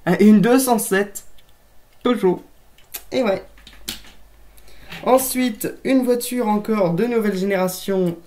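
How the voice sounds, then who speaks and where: A woman with a mellow, lowish voice runs a casual show-and-tell as a toy collector vlogger, joking and talking to her viewers as if they were friends. She's in a room at home with a shelf of toys behind her.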